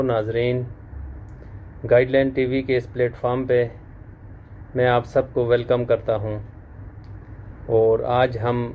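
A man in his thirties hosting his own channel, giving a measured, formal news update to the camera from a small room. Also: mid-range voice, phone-quality sound, slight background noise. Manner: slow, measured, formal greetings. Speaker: channel host. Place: small indoor room, plain wall.

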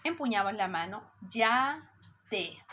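Slow, lively preschool teacher woman. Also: medium pitch, breathy edge. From Chile. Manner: warm, patient, drawn-out syllables. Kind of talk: slow lesson for young children.

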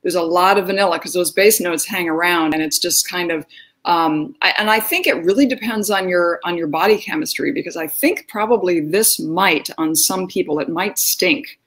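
A woman's voice: fairly low pitch, normal speed, fairly bright tone. A woman talking as a guest in casual conversation, effusive and descriptive, with many hesitations. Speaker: guest fragrance reviewer.

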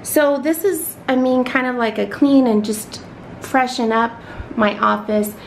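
A middle-aged woman talks her way through a tour of her home office, unhurried and full of little fillers. Her voice has a gravelly, creaky edge. There's a faint background hiss, like a camera held in a small room. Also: on the high side, rough recording. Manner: chatty, filler-heavy, fond of her things. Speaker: home vlogger. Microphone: handheld camera.

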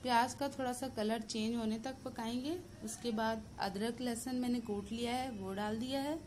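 A woman with a Pakistani Urdu accent, hosting a cooking channel, calmly talking through each step of a recipe in a voice-over. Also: a little high, normal speed, a little hiss or hum. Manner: steady step-by-step instructions mixed with English words.

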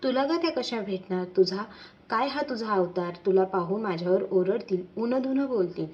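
A woman voicing a sharp-tongued young palace maid who asks questions briskly. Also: medium pitch, lively intonation, muffled recording, close to an everyday voice. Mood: brisk, wary.

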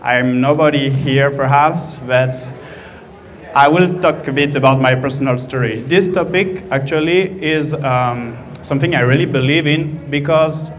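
A man in his thirties from France with a French accent, giving an earnest, halting talk into a handheld mic in an event room. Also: mid-range voice. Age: 30s. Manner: earnest, halting, with many fillers. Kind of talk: presentation talk to an audience. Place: event room with a stage and projector screen. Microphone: handheld microphone.

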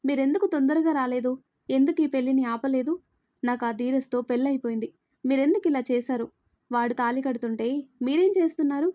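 A woman's voice: sits high, fairly quick, dark tone, lightly acted. A woman voicing a frightened young woman in a spoken story, pleading and crying out in distress. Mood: distraught.

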